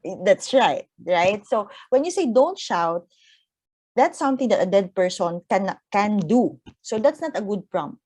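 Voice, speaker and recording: A woman's voice: mid-range voice, animated, unhurried, darkish tone, no room sound. Filipino woman lecturing, dry close sound. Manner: conversational, checks understanding often. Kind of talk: online lecture with Q&A.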